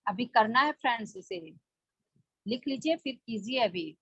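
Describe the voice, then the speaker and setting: A woman's voice: a little high, expressive, moderate pace, a bit bright, slightly rough, no echo. A woman leading a spoken book study, explaining plainly with rhetorical questions. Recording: dull lo-fi dry recording.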